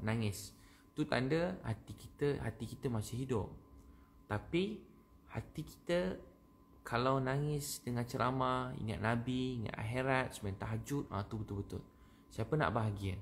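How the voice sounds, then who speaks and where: A man's voice: on the low side, gravelly, slight background noise. A man, a preacher giving religious advice on a live stream, reading viewer comments and speaking in repetitive, rising phrases. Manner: reads out viewer comments and answers them warmly; repetitive, chanting cadence with rising emphasis. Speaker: Islamic preacher.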